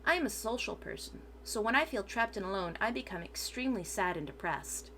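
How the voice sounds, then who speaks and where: A woman's voice: medium pitch, lively intonation, a little fast, fairly bright tone, a little hiss or hum. A woman VTuber reading a transcript aloud for her stream, sometimes stumbling over words and correcting herself.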